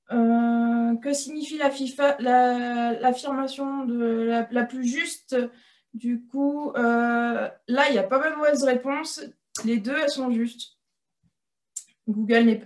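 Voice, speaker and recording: A woman with a fairly high voice leads an online presentation. She explains point by point and often stops on hesitant filler sounds between phrases. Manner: hesitant, frequent filler pauses.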